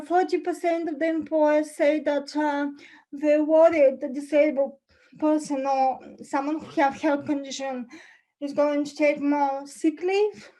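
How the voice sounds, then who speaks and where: Woman, young adult, from Bulgaria, high-pitched, careful halting delivery, slide presentation, video call. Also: warm tone, low-quality recording. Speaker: conference speaker.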